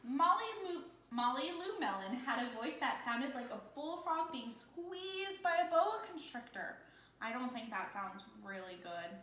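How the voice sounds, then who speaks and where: Unhurried yet highly animated, a woman teacher with a high, bright voice and forceful tone reads a picture book interactively to elementary students. She keeps her phrasing simple and prompts the kids with questions; the room echoes and has background noise.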